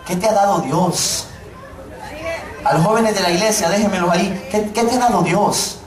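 A middle-aged pastor preaching a sermon, joking and calling out to his congregation, then slowing down to stress his points. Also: high-pitched, far from the mic, crowd noise. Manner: joking, calls out to the congregation, preaches slowly for emphasis. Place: church hall. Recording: echoey church room, mic from afar.

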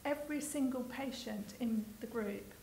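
A woman's voice: on the high side, normal speed, dark tone, echoey room, slight background noise, low-quality recording. A woman speaking as a patient advocate in a panel discussion, earnest and emotional when she talks about her daughter.

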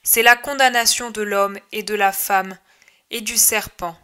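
A woman reader voicing Jesus as a gentle male preacher, speaking to a crowd in a solemn, measured way for an audiobook. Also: medium pitch, steady tone, clean tone.

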